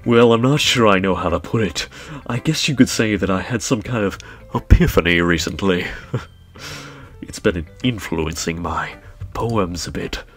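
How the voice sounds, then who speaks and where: A sinister young woman who leads a literature club, as a man puts her on, speaks in a breathy, husky whisper. Her slow, drawn-out lines sound menacing in a low register, over faint game music. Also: a bit bright.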